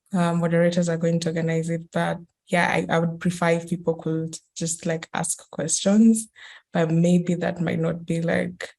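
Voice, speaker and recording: Soft-spoken young woman with a gravelly voice. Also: lowish voice. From Kenya. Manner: hesitant, many fillers and restarts. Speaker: guest speaker. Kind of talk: online academic talk.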